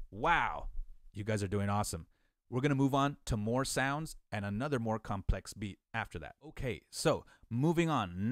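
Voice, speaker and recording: Lively man teaching beatbox. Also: mid-range voice, no room sound, studio quality. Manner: encouraging, counts students in and demonstrates beatbox sounds. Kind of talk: online class instruction.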